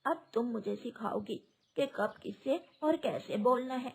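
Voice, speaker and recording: A woman's voice: fairly high pitch, unhurried, creaky, husky, heavily acted. A woman voicing a harsh, bossy old mother-in-law bird in a cartoon, sneering and cutting as she scolds. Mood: scornful.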